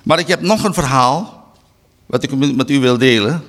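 A man giving a preaching Bible study talk, reading slowly and deliberately with emphatic restarts. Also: mid-range voice, fairly bright tone. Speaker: Bible teacher.

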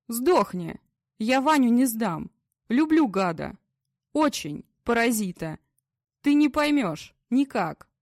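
A woman's voice: on the high side, big pitch swings, takes it slowly, a little mellow, no echo, studio quality, exaggerated voice. A woman voicing a drunk, crude police general. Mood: drunk maudlin. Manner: slurred, coarse, swearing. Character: drunk, crude, bullying middle-aged male police general.

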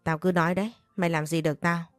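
A bitter, furious woman in a spoken family saga spits accusations in a lowered, hissing voice, as a female narrator puts her on. The voice is dry and close, with a low, subdued edge. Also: level tone, fast talker, no echo, faint music behind, natural voice. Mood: scornful. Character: furious grieving woman, spiteful elder sister-in-law.

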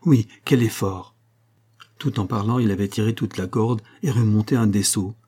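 A man narrating a novel chapter in measured, scripted storytelling. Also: fairly low pitch, fairly even intonation, warm tone. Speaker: audiobook narrator.

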